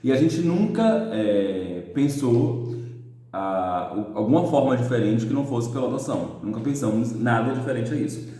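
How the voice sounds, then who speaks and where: A man's voice: mid-range voice, animated, normal speed, mellow. A man, an adoptive father speaking thoughtfully in a documentary interview, searching for words. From Salvador, Bahia, Brazil. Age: 30s. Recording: echoey room on a phone.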